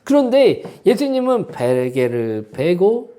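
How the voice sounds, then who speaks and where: A man's voice: high voice, sing-song, takes it slowly, mellow. A man preaching a Sunday sermon as pastor. He talks with fervor and keeps asking the congregation rhetorical questions. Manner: impassioned, many rhetorical questions and prompting "eh?" tags. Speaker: senior pastor. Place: church sanctuary.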